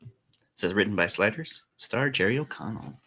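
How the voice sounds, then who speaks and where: A man's voice: on the low side, moderate pace, breathy edge. A man co-hosting a podcast, chatting casually and hesitantly with lots of ums. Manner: relaxed, hesitant with many ums. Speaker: podcast co-host. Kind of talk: casual chat.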